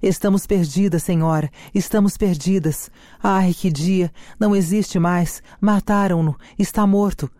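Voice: mid-range voice, steady tone, unhurried, hardly any pauses, mellow, dry recording, studio quality, natural voice. A reader doing a fretful old nurse. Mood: grieving. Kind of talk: dramatic reading of a play.

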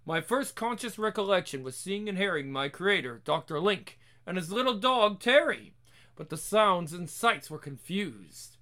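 A man voicing an earnest, misunderstood robot who tells his own sad story in a formal, measured way. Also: high-pitched, very animated, bright, forceful tone, full character voice. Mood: earnest, wounded. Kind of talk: first-person scripted narration.

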